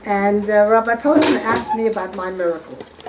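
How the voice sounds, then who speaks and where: At home before gathered guests, an American Holocaust survivor in her eighties, born in Poland, tells her story informally and emphatically, frequently asking her listeners questions. She speaks at normal speed with a medium, fairly even voice, against a noisy background.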